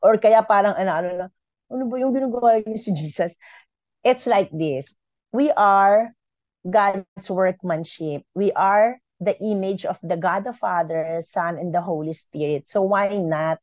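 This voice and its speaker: Animated woman telling a faith story. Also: medium pitch, unhurried, no echo. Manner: animated storytelling, Taglish code-switching. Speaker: radio guest.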